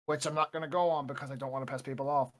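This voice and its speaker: A man's voice: mid-range voice, steady tone. Swearing, laughing young man co-hosting a podcast. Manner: laughs often, swears casually, quick rants. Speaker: podcast co-host. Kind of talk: casual chat.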